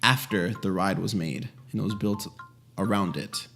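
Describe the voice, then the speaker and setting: A man's voice: low voice, normal speed, vocal fry, a bit bright, soft background music. A man in casual podcast chat, laid-back and teasing, asking his co-host questions.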